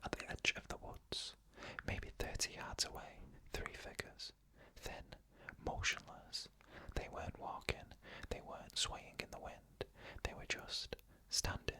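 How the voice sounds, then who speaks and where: This narrator is an ASMR storyteller, whispering unvoiced and softly while reading eerie first-person stories at a slow, measured pace.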